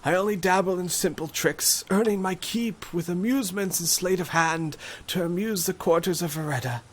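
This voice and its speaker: A man's voice: high-pitched, moderate pace, voice pushed up. Man voicing a shaky, frail old magician. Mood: meek. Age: older. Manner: meek, apologetic. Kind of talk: storybook character read aloud.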